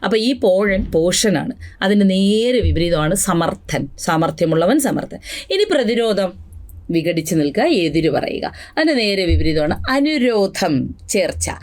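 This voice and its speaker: A young woman teaching an exam revision lesson. She drills word lists slowly, then chats quickly with asides, and calls her students "children". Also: medium pitch, expressive, darkish tone. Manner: addresses students fondly as children.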